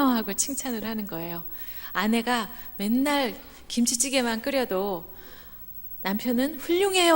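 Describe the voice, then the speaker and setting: A middle-aged woman giving a lively storytelling sermon at a church meeting, acting out the voices of the people in her stories. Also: fairly high pitch. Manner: animated, acts out quoted voices, laughs at own jokes. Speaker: guest speaker at a church revival meeting. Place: church sanctuary. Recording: reverberant church hall.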